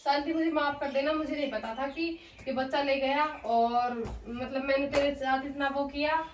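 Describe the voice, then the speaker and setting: A woman's voice: high-pitched, fairly even intonation, moderate pace, slight background noise, lightly acted. A woman acting a harsh, suspicious rich employer in an amateur skit who scolds and accuses her maid. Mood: apologetic. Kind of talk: amateur Hindi family skit.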